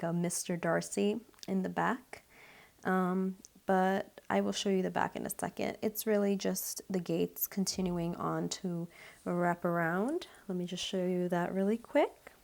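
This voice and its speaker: A young woman talks straight to her viewers in a chatty, gushing vlog, her voice carrying a light gravelly fry at the ends of phrases. She sits at a middle pitch and sounds a little out of breath. It is recorded on a camera mic at home. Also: darkish tone. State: a bit out of breath. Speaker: YouTube vlogger. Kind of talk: casual talk to camera.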